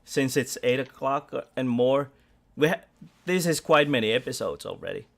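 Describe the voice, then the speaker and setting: Acting as game master for a tabletop role-playing game, a man narrates in a rambling way, restarting often and using lots of fillers. His medium-pitched voice is a bit bright, with lively intonation, vocal fry, and a moderate pace.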